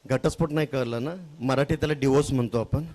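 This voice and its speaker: A man's voice: medium pitch, steady tone, dark tone. A middle-aged man from Maharashtra, a poet speaking to a live audience between his songs, humorous and full of asides, then earnestly pleading. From Maharashtra, India. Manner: humorous, talks straight to audience members, quick asides. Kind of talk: spoken storytelling between sung poems.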